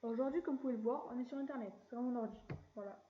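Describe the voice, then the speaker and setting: A woman hosting a casual screen-recorded software tutorial, chatty and relaxed, with mild slang. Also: on the high side, fast, phone-quality sound, slight background noise. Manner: chatty, relaxed, keeps saying "voilà" and drops mild slang. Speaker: tutorial channel host.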